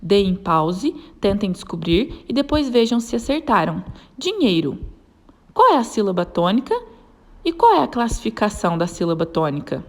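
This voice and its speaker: A woman narrating a grammar lesson as a teacher, sounding out example words slowly and clearly. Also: medium pitch, very animated, darkish tone. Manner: clear, slow stretched syllables when sounding out example words.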